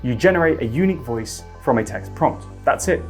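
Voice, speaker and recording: A man's voice: medium pitch, animated, fairly quick, faint music behind. Upbeat man walking through a tutorial. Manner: upbeat, chatty, enthusiastic. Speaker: host. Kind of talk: software tutorial narration.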